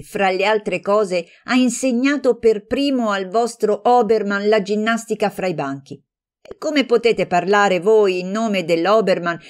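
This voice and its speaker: A woman's voice: mid-range voice, voice pushed up, lightly acted. A woman reading an audiobook, voicing a proud, self-assured woman who answers with ironic, cutting remarks. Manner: ironic, cutting, then calm and dismissive.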